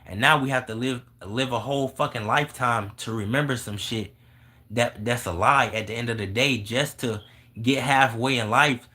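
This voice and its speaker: A man's voice: mid-range voice, moderate pace, sharp tone. A young man talking casually and bluntly about spirituality to viewers, swearing freely and laughing often. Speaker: vlogger answering viewer questions.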